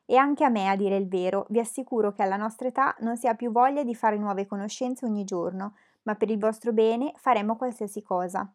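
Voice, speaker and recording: A woman's voice: mid-range voice, brisk, hardly any pauses, darkish tone, lightly acted. A woman reading a fussy, nervous mother. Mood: gushing. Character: fussy, nervous, excitable middle-aged mother.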